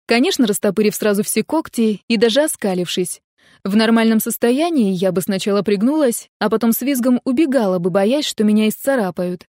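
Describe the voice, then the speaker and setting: A woman narrating a first-person audiobook in a lively, expressive reading style. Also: on the high side, a little fast, dry recording, studio quality.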